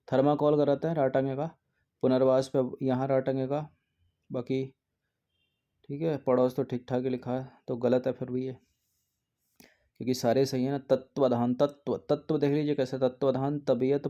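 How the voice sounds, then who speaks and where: With a warm, creaky voice of medium pitch, an exam prep teacher goes over a practice test's answers one by one in a test series walkthrough. He keeps a steady pace, repeating words to confirm them, and the audio is dull.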